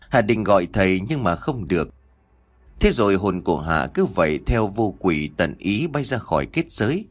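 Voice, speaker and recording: A man reads an audiobook story with a dramatic, expressive delivery. His voice sits low, and his pitch swings widely and lively. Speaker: narrator.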